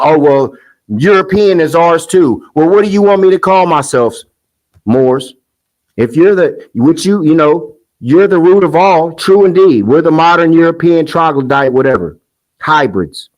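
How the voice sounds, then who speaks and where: A man's voice: a little high, a little mellow, poor audio. A man hosting a casual commentary monologue, heated and scoffing, rambling with restarts. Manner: sing-song mocking quotes. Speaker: commentary host.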